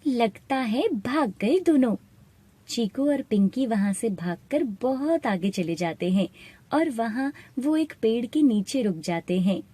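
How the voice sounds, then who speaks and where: A woman narrating an animated moral story in a steady, plain storytelling manner. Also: fairly high pitch, unhurried, dry recording. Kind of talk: scripted narration.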